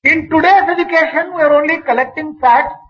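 A man translating a spiritual discourse line by line, in measured, deliberate phrasing. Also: very high voice, sharp tone, dull audio. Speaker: interpreter.

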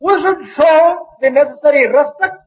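A man translating a spiritual discourse line by line, in measured, deliberate phrasing. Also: extremely high pitch, lo-fi sound. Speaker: interpreter.

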